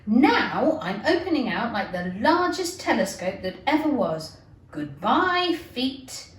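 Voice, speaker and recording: Woman acting a high-pitched, curious little girl. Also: sing-song, takes it slowly. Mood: amazed. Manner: wondering, earnest, exclaiming. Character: curious young girl, puzzled and fretful. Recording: roomy, distant microphone.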